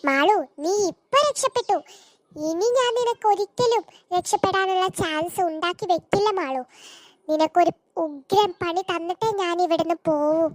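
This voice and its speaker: A woman voicing a scheming, mischievous young girl in a cartoon, who plots out loud and wails and whines. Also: very high voice, moderate pace, no room sound, clean studio sound. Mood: whiny.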